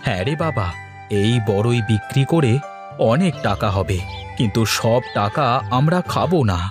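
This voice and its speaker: A man's voice: mid-range voice, lively intonation, normal speed, close to an everyday voice. A patient, generous village husband, voiced by a man soothes and pleads in a cartoon. His voice moves animatedly, with faint music behind. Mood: hopeful. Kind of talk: cartoon voice acting.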